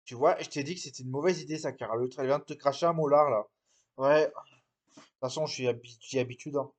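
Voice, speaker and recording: A man performing an improvised amateur role-play dialogue, scolding in a halting way and often repeating his words. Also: medium pitch. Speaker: hobby drama performer.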